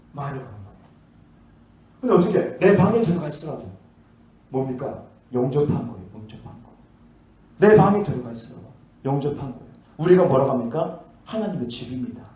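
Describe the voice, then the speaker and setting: A man's voice: on the high side, mellow. Preaching man in an echoey hall. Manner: storytelling preacher, asks and answers his own questions. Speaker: pastor. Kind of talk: sermon. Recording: echoey hall, mic at a distance.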